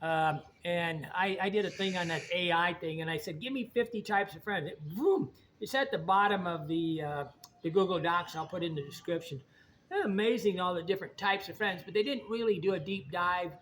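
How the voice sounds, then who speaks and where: A man's voice: high voice, normal speed, fairly bright tone, a little hiss or hum. A middle-aged man from Indiana talking in a rambling, blunt, folksy monologue, often repeating words as he goes. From Indiana, United States. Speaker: vlogger. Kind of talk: casual monologue to camera.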